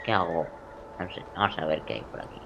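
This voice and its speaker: A man, doing let's play commentary over a video game, jokey and swearing, muttering then suddenly shouting. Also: sits low, lively intonation, a little fast, gravelly, muffled recording, background noise. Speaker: gaming video creator.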